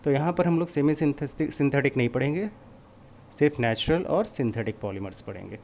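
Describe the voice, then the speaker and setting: A man's voice: mid-range voice, animated, a little fast, a little mellow. A male chemistry teacher with a mid-range voice talks through a lesson step by step. He keeps putting questions to the class and then answering them himself. A faint hiss of background noise sits under his voice. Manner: explains step by step, asks and answers own questions, mixes in English terms. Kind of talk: classroom lecture.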